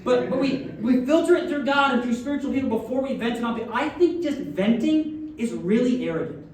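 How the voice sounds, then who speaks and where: A man's voice: extremely high pitch, lively intonation, fairly quick, a little mellow. Male minister, conversational preacher, recorded from a distance in a very echoey sanctuary with faint background noise. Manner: conversational preaching with frequent audience check-ins. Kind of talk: sermon. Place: church sanctuary.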